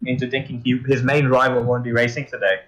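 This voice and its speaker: A man from India doing casual commentary on an online racing event as the host, chatty and quick to laugh. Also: mid-range voice, level tone, crowd noise, poor audio. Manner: chatty, laughs often, addresses co-host as mate. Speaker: race commentator.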